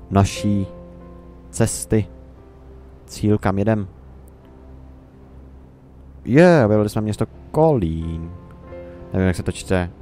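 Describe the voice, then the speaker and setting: A man's voice: deep voice, a little mellow. A young Czech man rambling and musing to himself in casual gameplay commentary. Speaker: let's play commentator.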